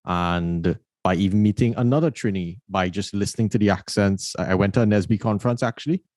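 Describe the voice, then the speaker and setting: Hosting a casual interview on his podcast, a man talks thoughtfully and shares stories, frequently repeating words at the start of sentences. His lowish voice is a little mellow and fairly quick. The audio is studio quality with no echo.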